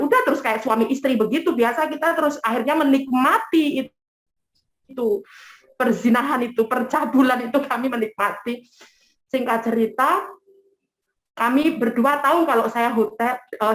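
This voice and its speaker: A woman giving an emotional personal testimony to an interviewer, telling her story in a lively way and acting out what others said. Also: high voice, roomy sound. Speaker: guest giving a conversion testimony.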